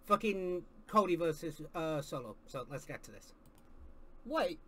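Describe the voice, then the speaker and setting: A man reviewing a wrestling show live, excitable and swearing heavily, breaking into shouts. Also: on the high side, a little slow, a little hiss or hum. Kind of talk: live watch-along commentary.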